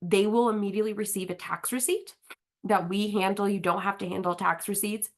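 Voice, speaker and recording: Speaking a little fast with fairly even intonation, a woman of medium pitch hosts an online webinar via video call. She is a marketing manager nursing a slight cold, slightly sniffly, and her casual, friendly presentation is full of fillers.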